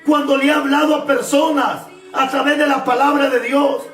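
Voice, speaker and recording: High-voiced guy shouting a sermon, far off in an echoey room. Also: fairly even intonation, normal speed, faint music behind. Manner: fervent, repeats phrases, often shouts. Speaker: preacher. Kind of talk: shouted Pentecostal-style sermon.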